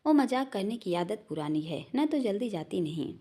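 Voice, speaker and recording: A woman's voice: mid-range voice, sing-song, normal speed, mellow, breathy edge. A woman reading the lines of a cheerful young man who jokes and reassures, in a storybook reading. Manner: joking, reassuring.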